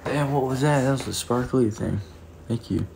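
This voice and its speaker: A man's voice: medium pitch, normal speed, vocal fry, darkish tone. A young man with a mid-range voice talks casually and in slang as he hosts a livestream. He is in a home kitchen, picked up by a phone with faint noise around him. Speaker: livestream host. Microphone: phone propped at varying distance.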